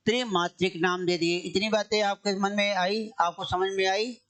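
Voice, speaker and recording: High, smooth-voiced male Hindi teacher. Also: fairly even intonation, fairly bright tone. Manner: asks the class questions and answers them himself; repeats key phrases, drawing words out slowly. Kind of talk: exam-coaching grammar lesson.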